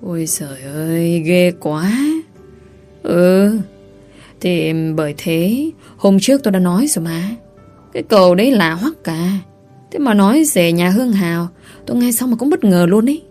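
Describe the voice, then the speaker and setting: A woman's voice: on the low side, animated, moderate pace, warm tone, soft background music. A woman voicing a gossiping village bystander murmuring about a scandal. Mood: gossipy.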